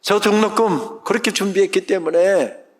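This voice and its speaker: A man's voice: high voice, normal speed. A man in his sixties preaching a sermon, telling stories with dramatic voiced quotes. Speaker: pastor and seminary president. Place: large church sanctuary. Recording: long church reverb.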